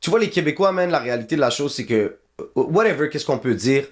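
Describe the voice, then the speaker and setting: A man's voice: a little high, expressive, fast. A man from northern Iraq, chatting casually as a podcast guest and mixing in English slang. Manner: laid-back, mixes French and English slang.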